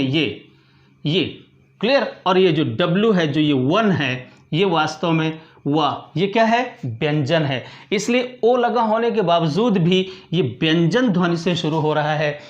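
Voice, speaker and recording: High-voiced Indian teacher asking "clear?". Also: male voice, lo-fi sound. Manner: explains patiently, repeats words, keeps asking "clear?". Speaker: English grammar teacher. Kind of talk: classroom lecture.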